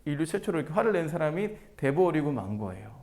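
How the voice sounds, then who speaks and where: A man teaching a Bible passage to viewers, animated and firing rhetorical questions at them. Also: fairly high pitch, fast talker. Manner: addresses listeners directly as everyone. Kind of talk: Bible teaching to a video audience.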